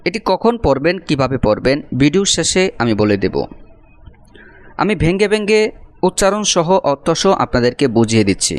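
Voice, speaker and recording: A man teaching a prayer as a lesson, reciting Arabic phrases slowly and then explaining their meaning. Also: on the high side, very animated. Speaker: Quran teacher. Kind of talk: religious lesson, slow syllable-by-syllable recitation.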